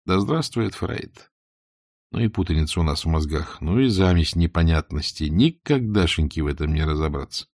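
A man with a very low voice reads a novel aloud, steady and unhurried. The recording is close and dry, with no room sound around him. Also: dry recording. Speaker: audiobook reader. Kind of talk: audiobook narration.

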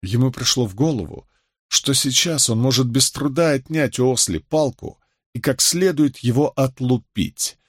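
A man reading a novel aloud as an audiobook narrator, in an expressive, dramatic manner. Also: medium pitch, normal speed, breathy edge, no echo, studio quality. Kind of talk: scripted literary narration.

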